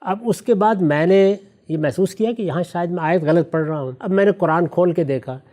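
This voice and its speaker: A man, a religious scholar, explaining a subject step by step in a measured, teacherly way and reciting verses slowly as examples. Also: sits high, dark tone. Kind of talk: explanatory discussion answering questions.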